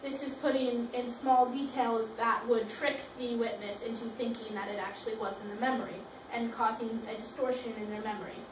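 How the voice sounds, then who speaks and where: With a steady tone, a brisk pace, and hardly any pauses, a young woman presents her school project to the class in a high voice, reading her notes and repeatedly restarting words. The sound comes from far away in a large, echoing room with faint background noise.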